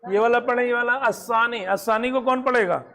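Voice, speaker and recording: A teacher giving a classroom lesson, asking the students questions and slowly repeating each word for them. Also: mid-range voice, bright, forceful tone, slight background noise. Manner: quizzes students, slowly drills words. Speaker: Arabic teacher.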